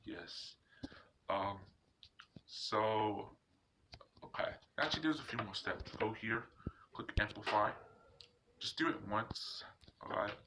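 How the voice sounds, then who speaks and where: A tutorial video host, a man with a voice on the low side, talks slowly and expressively through a casual screen tutorial with long pauses. He sounds informal and hesitant at each step, and the recording is a muffled lo-fi mic with loud noise and clicks.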